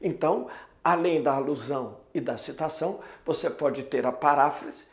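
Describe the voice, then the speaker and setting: A man's voice: fairly high pitch, moderate pace. Male teacher lecturing in echoey room. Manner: didactic, emphatic, varies pace for stress. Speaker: Portuguese teacher. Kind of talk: recorded classroom lecture.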